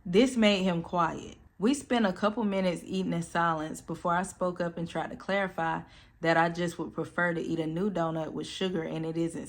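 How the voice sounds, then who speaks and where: A woman reading forum posts aloud in a calm voice, then reacting with blunt, sassy commentary. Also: fairly low pitch. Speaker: storytime channel host.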